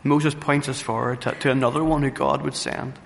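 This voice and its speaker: Male preacher, mid-pitched and gravelly, earnest sermon with halting restarts; faint room noise. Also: steady tone. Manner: earnest, repeats phrases for emphasis, frequent restarts. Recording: reverberant hall with faint ambient noise.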